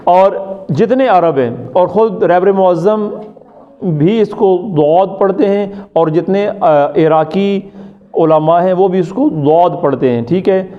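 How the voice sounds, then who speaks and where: A man from Pakistan teaching Quran recitation in class. He drills each sound by repeating it, quizzes his students and keeps checking that they follow. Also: high voice. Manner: often checks understanding with "ٹھیک ہے؟". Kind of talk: classroom lesson. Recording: muffled lo-fi recording.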